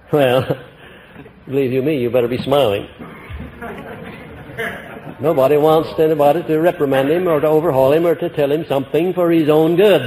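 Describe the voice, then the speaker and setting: Man lecturing a live audience, fairly high voice, folksy, emphatic, voice rising and falling on purpose. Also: warm tone, in a large hall, slight background noise, low-quality recording. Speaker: motivational speaker.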